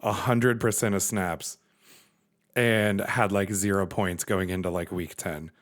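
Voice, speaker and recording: Energetic man co-hosting a podcast. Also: low voice, unhurried. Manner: energetic, laughs often. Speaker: podcast co-host. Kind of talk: casual chat.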